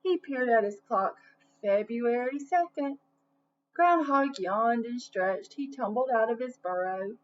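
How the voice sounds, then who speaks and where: In dull, lo-fi audio with a trace of noise, a woman with a high voice reads a children's story without hurrying. She's expressive, asking her listeners questions and adding asides to the narration.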